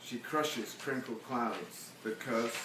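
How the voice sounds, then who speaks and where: A man of medium pitch reads his poems slowly before a seated crowd, introducing them casually with dry, self-deprecating jokes. The recording is remote, echoey and full of room noise.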